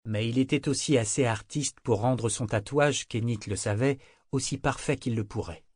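Male audiobook narrator, mid pitch, dry close read, steady delivery. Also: normal speed, breathy edge, dry recording. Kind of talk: scripted narration.

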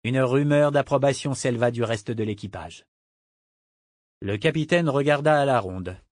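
A man narrating an adventure audiobook in a measured, expressive reading. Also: medium pitch, no echo, studio quality. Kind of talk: scripted narration.

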